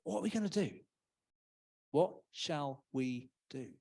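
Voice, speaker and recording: A man's voice: a little high, expressive, a little slow, vocal fry, warm tone, husky, pitched below the performer's own voice, full character voice. A man voicing a worried male servant facing an army, in a mock-dramatic, half-sarcastic way. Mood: wry worry.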